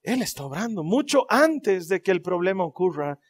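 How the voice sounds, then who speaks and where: A man with a fairly high voice preaching in a church. He tells the story with lively, dramatic flair and joking asides. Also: normal speed, vocal fry. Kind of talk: sermon.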